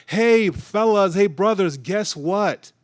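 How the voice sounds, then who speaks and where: Man playing a spoiled, tactless teen boy, eager and slangy, a bit high. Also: a little slow, lightly acted. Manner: casual, slangy, excited. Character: brash, tactless teenage boy boasting of his dreams.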